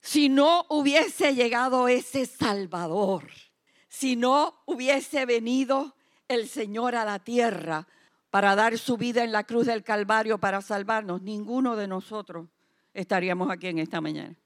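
A woman preaching a sermon, emphatic and building to loud repeated declarations. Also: a little high, measured pace.

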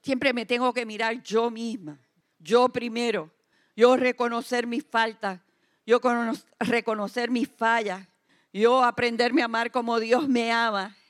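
A woman preaching a sermon, emphatic and building to loud repeated declarations. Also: fairly high pitch, fairly even intonation, unhurried.

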